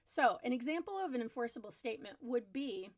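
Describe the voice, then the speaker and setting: A woman's voice: fairly high pitch, lively intonation, brisk. Earnest middle-aged woman giving parenting advice. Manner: earnest, explanatory, leans on repetition for emphasis. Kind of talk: casual advice talk to camera.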